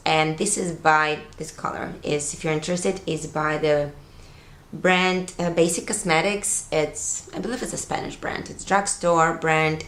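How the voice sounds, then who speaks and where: A Latvian beauty vlogger in her thirties chats casually while doing a makeup tutorial on the sofa in her living room, rambling with plenty of fillers. Her voice is low and a bit bright, and the sound is roomy.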